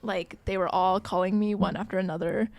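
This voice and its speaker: Co-hosting a podcast, a young adult woman chats casually, leaning heavily on "like" and acting out the things people said. Her mid-range voice is steady, fairly quick and a little mellow, recorded dry.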